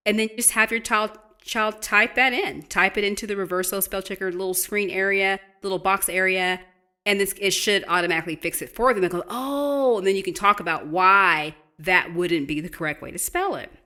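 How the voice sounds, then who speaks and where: A woman's voice: medium pitch, steady tone, brisk, bright, forceful tone. A middle-aged woman and teacher explaining spelling tips to parents in a patient, encouraging way, spelling words out letter by letter. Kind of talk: instructional talk to parents.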